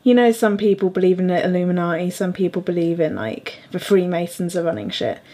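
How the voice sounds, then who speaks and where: A woman's voice: on the low side, brisk, mellow. A young adult woman hosting a podcast, chatting casually with plenty of fillers and frequent laughter. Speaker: podcast host.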